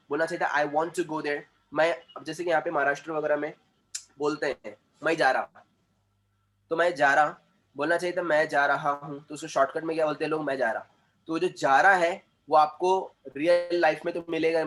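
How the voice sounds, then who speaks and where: A communication trainer with a fairly bright, somewhat high voice gives a classroom lecture, explaining points at length, repeating himself, and checking that students are following.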